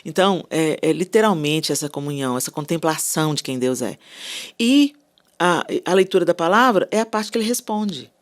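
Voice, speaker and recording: A woman speaking as a podcast guest, talking about faith in an animated, conversational way and often checking in with her listeners. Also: low-pitched, fairly quick. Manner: animated, repetitive, asks listeners "né?" and "entendeu?". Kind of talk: casual faith talk on a podcast.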